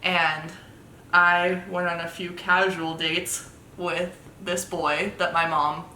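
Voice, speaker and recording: A young woman telling a story in a casual couple's chat, animated and laughing as she talks. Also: takes it slowly. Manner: animated, laughing, finishes partner's sentences. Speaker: vlogger. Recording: echoey room with faint rumble.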